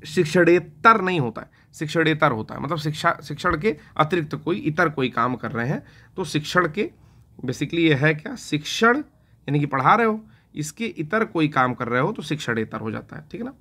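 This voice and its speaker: A man's voice: fairly high pitch, expressive, moderate pace, sharp tone. A man teaches an exam-prep spelling lesson. He talks in an easy, conversational way, keeps checking in with his students and mutters to himself as he writes. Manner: conversational, repeats "theek hai na" often; talks to himself while writing on a board.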